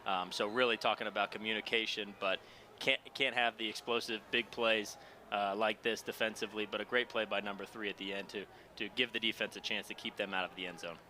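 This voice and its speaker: Low, forceful male football analyst. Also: fairly even intonation, brisk, slight background noise. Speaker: color analyst.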